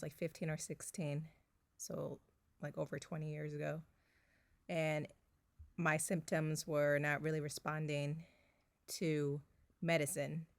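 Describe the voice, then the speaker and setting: Low creaky-voiced woman telling a story. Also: dry recording. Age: 30s. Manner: chatty, frequent fillers and laughs. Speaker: vlogger. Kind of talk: casual personal storytelling. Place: bedroom at home.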